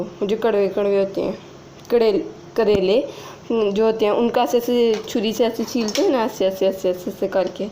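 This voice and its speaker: A young woman chats her way through a recipe in her home kitchen, talking straight to viewers as friends. Her voice sits at an ordinary middle pitch. She often breaks into giggles. A faint hum of kitchen noise runs underneath. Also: warm tone, low-quality recording. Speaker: vlogger. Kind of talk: casual cooking vlog.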